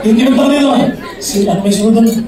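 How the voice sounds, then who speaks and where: Male Filipino preacher, very high voice, shouts and sings his lines, heard from far off in a big hall. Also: quick pace. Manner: shouts and sings phrases, switches between Tagalog and English. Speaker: youth conference preacher. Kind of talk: sermon. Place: large hall with an audience. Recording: echoey hall from far off, loud crowd and noise.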